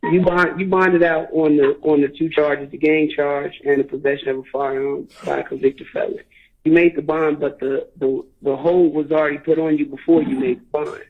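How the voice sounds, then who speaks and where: A man's voice: on the high side, level tone, normal speed. A man, an officer, talking on a payphone call, bluntly explaining and repeating himself. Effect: heard over a payphone call line. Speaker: law enforcement officer. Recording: tinny phone line.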